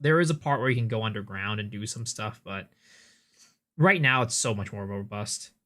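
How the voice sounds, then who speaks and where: A game streamer, a man, chats through a live reaction with a bright, forceful tone. He gets animated and trips over his words, repeating them as he reacts. His speech stays casual and conversational. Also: lowish voice, moderate pace. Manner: animated, stammers and repeats words when excited.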